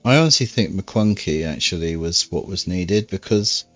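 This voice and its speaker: A man's voice: sits low, animated, normal speed, a bit bright, faint music behind. A man streaming a game, rambling and dry, with self-mocking asides. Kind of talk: live game-stream commentary. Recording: dull, dry stream audio.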